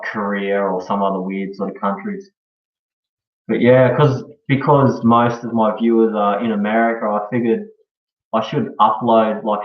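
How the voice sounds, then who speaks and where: A laid-back Australian man chats to his live stream in loose, slangy speech. His voice is on the low side and stays fairly flat in pitch. It comes through echoey, as if he is sitting back from the mic. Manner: laid-back slangy talk, often ending on "eh" and "bro". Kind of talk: casual live stream chat. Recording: dull echoey room, far from mic.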